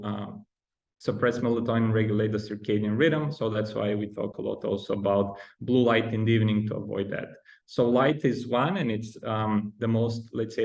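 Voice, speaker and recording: As a guest on a podcast, a researcher from Bulgaria in his thirties offers explanations in his native accent, stumbling through many ums and restarts. He has a lowish, slightly mellow voice.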